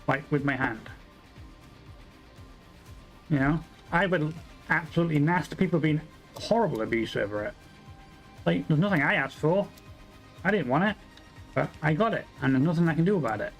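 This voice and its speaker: This man's voice sits on the high side, with lively intonation, normal speed, and long pauses; the audio is poor, with soft music in the background. He's a game streamer from Wales with an English accent, casually commenting on a factory-building game while swearing freely, muttering to himself, and often putting himself down.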